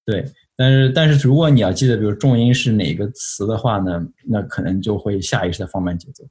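A man's voice: fairly low pitch, fairly quick, darkish tone. A man from Shanghai, China, a guest on a podcast interview, reflecting at length in casual chat. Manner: reflective, explains at length with many fillers.

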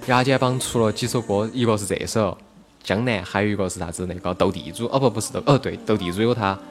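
Over background music, a man from Sichuan hosts a relaxed talk show, speaking quickly in a lowish voice with his local accent. He swaps stories and nostalgia about local radio and music in everyday dialect, often using rhetorical questions.

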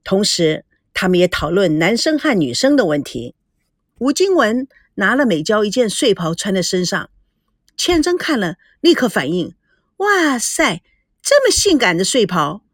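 Woman storybook narrator, expressive and lively, dry close mic. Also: medium pitch, normal speed, no room sound. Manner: expressive, acts out all the voices.

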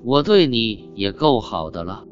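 A man's voice: medium pitch, very animated, measured pace. A man reading a short-tempered old scholar. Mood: irritated. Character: irritable middle-aged male scholar official. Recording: dull lo-fi audio with faint guitar.

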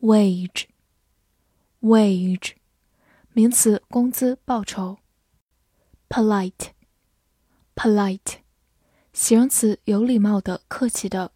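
A woman with a Mandarin Chinese accent reading English vocabulary for review. She repeats each word slowly, then gives its Chinese meanings. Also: medium pitch, steady tone, warm tone, slightly rough, no room sound, clean studio sound.

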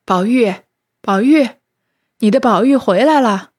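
A woman's voice: on the high side, a little slow, a little mellow, husky. A woman voicing a pushy male monk in a spoken storybook reading, blunt and demanding. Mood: calling out.

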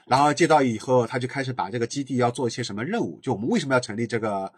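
A man's voice: mid-range voice, lively intonation, very fast, slightly rough, no room sound. A man hosting a podcast, chatting enthusiastically through a TV drama review and laughing often. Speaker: podcast host. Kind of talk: casual solo drama review.

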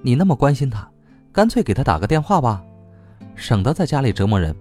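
A man voicing a sly young woman in an audiobook, teasing and needling in a soft voice. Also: mid-range voice, sing-song, a little fast, faint music behind. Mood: annoyed. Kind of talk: audiobook reading.

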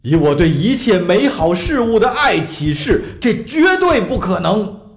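A man's voice: high voice, big pitch swings, a little slow, breathy edge, full character voice. A man voicing a cornered male executive who talks in tense, cursing outbursts, with faint music behind. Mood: desperate.

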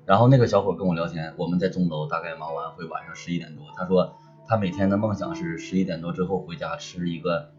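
A middle-aged man with a low voice and a northeastern Chinese accent talks casually and reflectively. He sounds like a livestream guest, and the audio is a bit dull and lo-fi. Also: fairly even intonation, fast talker, over music.

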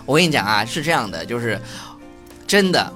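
A man's voice: medium pitch, very animated, brisk, sharp tone, soft background music. A man hosting a casual lesson chat, playful and laughing often as he repeats phrases after his partner. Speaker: host.

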